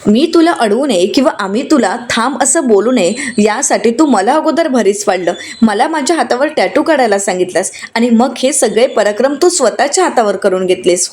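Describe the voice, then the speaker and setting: A woman's voice: on the high side, darkish tone, close to an everyday voice. A woman narrator reading the lines of a stern young husband who lectures reproachfully.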